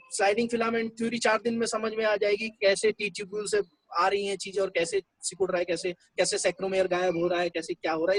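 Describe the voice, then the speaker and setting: A man's voice: extremely high pitch, slightly rough, no room sound, low-quality recording. A male teacher giving a classroom lecture, talking conversationally and explaining things step by step.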